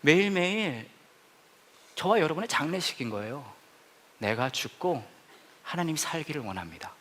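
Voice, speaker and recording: Playful, lively-voiced male pastor. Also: a little high, a little fast, breathy edge. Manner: playful storytelling with sudden loud exclamations. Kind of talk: humorous sermon. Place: church hall with a laughing congregation.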